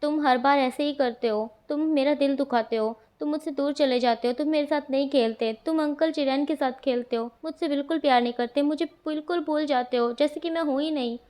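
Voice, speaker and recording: A woman's voice: sits high, fairly quick, hardly any pauses, darkish tone, close to an everyday voice. A woman voicing a jealous, sulky little boy who complains in a hurt, pleading way.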